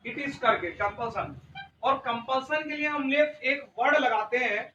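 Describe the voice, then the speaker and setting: Male classroom teacher, high bright voice, distant dull recording, drills students in repeat-after-me phrases. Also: measured pace, a little hiss or hum. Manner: drills students, repeatedly tells them to speak louder. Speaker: English teacher. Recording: echoey room, recorded from a distance, dull lo-fi sound.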